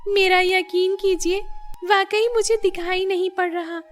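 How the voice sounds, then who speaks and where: A woman's voice: very high-pitched, steady tone, a little slow, soft background music, pitched above the performer's own voice. A woman voicing a fed-up, scheming young daughter-in-law in a cartoon story. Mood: complaining. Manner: complaining, sly.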